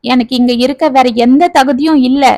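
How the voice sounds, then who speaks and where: A woman's voice: high-pitched, steady tone, moderate pace, dark tone, dry recording, lightly acted. A woman voicing a regretful grown son and father, speaking in a sorrowful, self-reproaching way.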